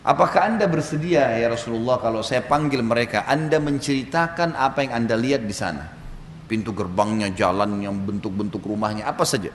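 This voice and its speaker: A man's voice: slight background noise, lightly acted. A man voicing a steadfast devout companion in an echoey hall. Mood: respectful. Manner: slow, low and solemn when quoting. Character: steadfast devout male companion, calm and resolute. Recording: echoey hall reverb, faint ambience.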